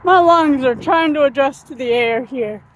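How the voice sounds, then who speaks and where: A woman's voice: high-pitched, moderate pace, poor audio. A woman in her thirties chatting casually while walking outdoors in a sunny park, filming on a phone at arm's length, rambling with many ums and uhs and fighting hiccups. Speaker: vlogger. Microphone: phone held at arm's length.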